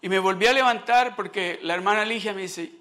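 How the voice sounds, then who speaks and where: A man's voice: sits high, brisk, pushed and bright. A middle-aged man giving a sermon testimony, telling a personal story and slipping in English phrases.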